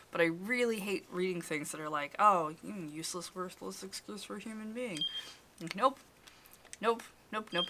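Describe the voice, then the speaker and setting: A woman streamer narrating a visual novel aloud, with blunt casual asides. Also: on the low side. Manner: expressive reading, blunt asides. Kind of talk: game narration and casual commentary.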